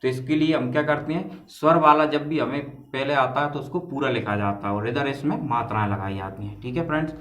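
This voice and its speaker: A man teaches a lesson at a middle pitch, putting questions to his students and then answering them himself. His voice carries a roomy echo, as if recorded in a bare classroom. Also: fairly quick, few pauses, a bit bright. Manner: explains step by step, asks and answers his own questions. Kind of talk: classroom lecture.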